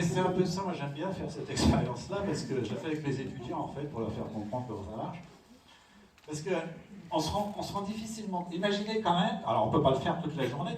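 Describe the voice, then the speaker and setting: A man's voice: on the high side, lively intonation, fairly quick, a crowd in the background. A man giving a conference talk, explaining patiently and often checking in with the audience. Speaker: conference speaker. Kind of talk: lecture talk. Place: conference room. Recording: echoey hall from far off.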